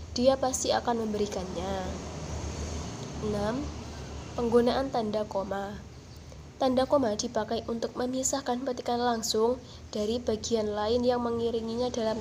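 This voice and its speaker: A young woman student reading out a class presentation in a steady, measured way, with an occasional filler. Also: a little high. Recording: faint background noise.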